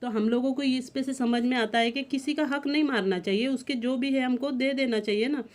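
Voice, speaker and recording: A woman's voice: high-pitched, steady tone, a little fast, darkish tone. A woman teacher explaining a textbook story to students in an informal, repetitive way. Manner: informal, repeats and restarts while explaining. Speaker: Hindi teacher.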